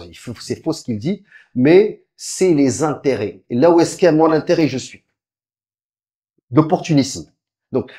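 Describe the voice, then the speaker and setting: This preacher walks through his religious teaching one step at a time, often stopping to begin a sentence again. He recites Arabic verses at speed, and his voice rises and falls vividly in both pitch and loudness.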